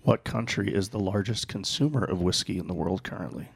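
A man trading casual banter on a podcast in a deadpan manner. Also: low-pitched, fairly quick, creaky, breathy edge, no room sound.

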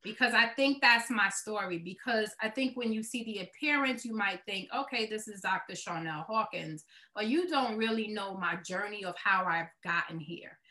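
A woman's voice: medium pitch, moderate pace, few pauses, pushed and bright. A woman with a Brooklyn accent answering interview questions as a nonprofit executive, earnest and emphatic, repeating words to drive a point home. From Brooklyn, New York, United States.

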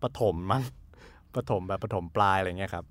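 A man telling personal stories in a casual podcast chat, in a lively, reflective way. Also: sits low, fast, no echo.

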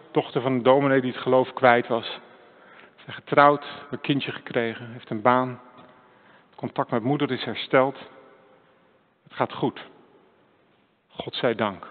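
A male preacher delivering a Sunday sermon, addressing his listeners directly with earnest questions and a personal story. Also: medium pitch. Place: church. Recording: echoey church hall, tinny phone-like sound.

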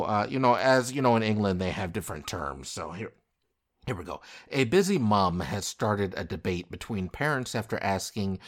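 A man hosting a casual podcast, joking and rambling with mock indignation. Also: on the low side. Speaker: podcast host.

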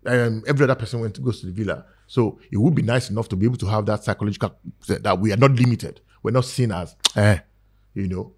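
A man's voice: on the low side, fast, darkish tone, breathy edge. A man with a Nigerian accent, speaking as a guest in a casual talk-show discussion, earnest and persuasive, with many fillers and restarts. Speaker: guest advocating for skit makers.

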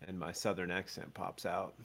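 A low-voiced man from the American South chats on a podcast in an easy, relaxed way. He chuckles now and then as he talks with the others. His delivery is casual and unhurried. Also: creaky, breathy edge. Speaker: podcast co-host. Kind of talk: casual chat.

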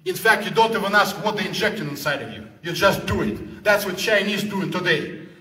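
A man's voice: high voice, lively intonation, fairly quick, bright, forceful tone. A man from the Soviet Union with a Russian accent, giving a fervent, preaching speech to a live audience and repeating phrases for emphasis. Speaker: guest speaker. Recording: echoey hall with long reverb.

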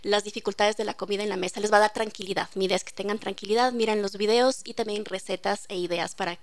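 A woman's voice: mid-range voice, steady tone, quick pace. A woman, a guest expert on child feeding, speaking earnestly and reflectively. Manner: earnest, reflective, frequent affirming murmurs. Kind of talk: casual radio talk.

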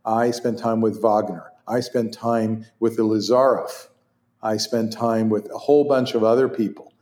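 An orthopedic surgeon in his sixties, a native Hebrew speaker, tells stories as an interview guest in a lowish voice at normal speed. He's animated, laughing often and restarting his sentences frequently, and the sound is roomy.

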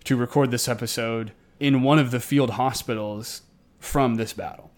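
A man narrates history as a podcast co-host. His voice sits at an average pitch, and he follows a semi-scripted account. He is recording indoors, up in the attic of an old house. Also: fairly even intonation, normal speed. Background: air conditioning may be running.

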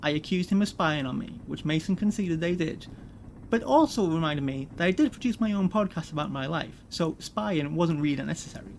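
A man narrating a first-person audio story in a weary, measured way. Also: fairly high pitch, lively intonation, gravelly, slight background noise.

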